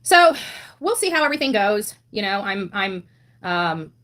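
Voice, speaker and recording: At a normal pace, a woman with a mid-range, slightly bright voice and big pitch swings gives an impassioned online commentary on a missing child. Blunt and indignant, she leans on rhetorical questions and emphatic repetition.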